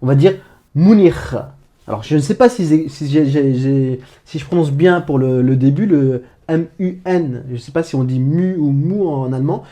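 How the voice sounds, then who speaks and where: Mellow-voiced man giving a chatty Arabic lesson. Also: on the high side. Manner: informal, chatty, addresses the viewer as tu, self-corrects often; demonstrates throaty sounds slowly and repeats them. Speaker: Arabic teacher. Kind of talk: casual online language lesson.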